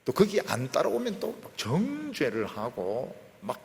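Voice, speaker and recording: A middle-aged male pastor preaching a sermon, swinging between loud emphatic bursts and quiet trailing endings. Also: medium pitch, wildly swooping pitch, measured pace, creaky, in a large hall.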